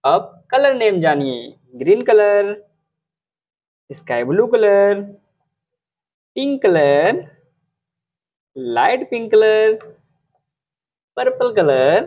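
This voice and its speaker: Slow, sing-song kids' drawing teacher. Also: medium pitch, big pitch swings, narrow, tinny audio. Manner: names each color and shape one at a time. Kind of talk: slow instructional narration for kids.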